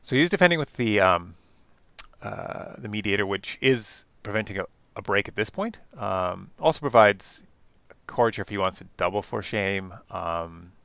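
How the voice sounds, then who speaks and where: Low gravelly Canadian man commentating. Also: lively intonation, pushed and bright, dry recording. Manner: quick, chatty, many fillers and restarts. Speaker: game commentator. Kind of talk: solo live-stream commentary.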